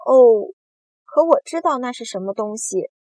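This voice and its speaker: A woman voicing a polite, curious small boy in a storybook reading, soft-spoken. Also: fairly high pitch, animated, normal speed, no echo, clean studio sound, voice pushed up.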